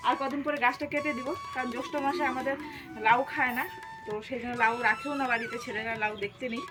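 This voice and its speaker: A woman's voice: high voice, steady tone, fast, over music. A young woman from Assam chatting to her viewers in a casual home vlog, explaining as she gardens and cooks. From Assam, India. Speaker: vlogger and homemaker.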